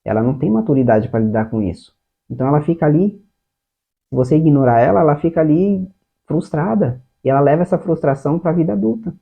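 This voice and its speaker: A man's voice: on the high side, quick pace, vocal fry, slightly rough. A man with a Brazilian Portuguese accent, a therapist giving earnest parenting advice straight to the viewer. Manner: earnest, explanatory, addresses the viewer directly. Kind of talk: self-help talk to camera. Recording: narrow phone-like sound.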